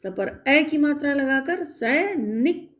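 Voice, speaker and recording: Patient woman teacher for young children; voice on the high side, careful step-by-step delivery. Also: lively intonation. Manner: patient, slow spelling-out of letters and vowel signs, frequent check-ins. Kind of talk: recorded online class for young children.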